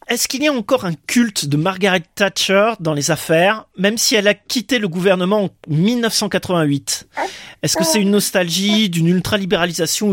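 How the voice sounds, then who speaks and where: A male host leads an interview and slips wry, joking asides into his questions. His voice sits high for a man. The recording is dry and close. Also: no room sound. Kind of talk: conversational interview, witty questions.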